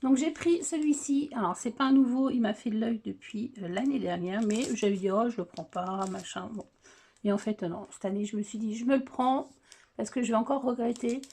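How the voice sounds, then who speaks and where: A woman's voice: on the high side, brisk, a little mellow. A middle-aged woman in casual chat, showing off her craft purchases on her video channel and talking hesitantly, with many filler sounds and restarts. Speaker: scrapbooking vlogger.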